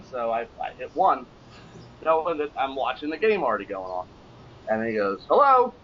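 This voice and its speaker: A man's voice: mid-range voice, lively intonation, moderate pace, lo-fi sound, a little hiss or hum. Rambling man telling gambling stories. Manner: rambling, with many fillers and laughs. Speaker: podcast guest, professional gambler. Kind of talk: casual storytelling.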